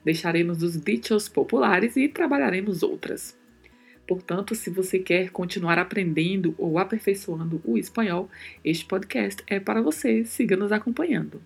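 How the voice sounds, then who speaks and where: A woman hosting a language-lesson podcast, explaining meaning and pronunciation slowly and carefully, repeating words as drills. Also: medium pitch, vocal fry, husky, soft background music.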